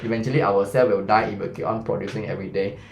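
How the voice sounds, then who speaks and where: This thirties-aged Malaysian English science teacher runs a chatty revision session, firing questions at students and using "lah" and "mah." He speaks quickly in a lowish voice with fairly even intonation and vocal fry. The room echoes, with slight background noise.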